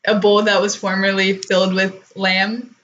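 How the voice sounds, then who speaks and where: A woman's voice: mid-range voice, level tone, normal speed, fairly bright tone, muffled recording. A woman narrates a tabletop game as game master. She talks in a casual, easygoing way, with fillers and restarts.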